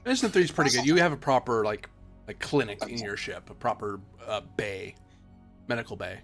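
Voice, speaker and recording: A man's voice: fairly low pitch, lively intonation, a little fast, faint music behind. Rambling male game master. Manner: rambling, many fillers and restarts, trails off quietly. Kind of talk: running a tabletop role-playing game.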